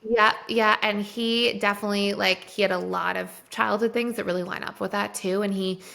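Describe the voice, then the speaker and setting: A woman's voice: medium pitch, fairly even intonation, moderate pace, vocal fry, fairly bright tone. A woman guest on a podcast, candidly telling a personal story in casual conversation and often saying "like". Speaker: guest, personal development expert.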